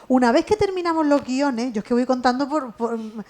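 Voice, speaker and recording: A woman's voice: sits high, animated, fast, a little mellow. A woman, a podcast co-creator and radio journalist, explaining step by step in a casual radio interview. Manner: explains step by step, finishes co-host's sentences.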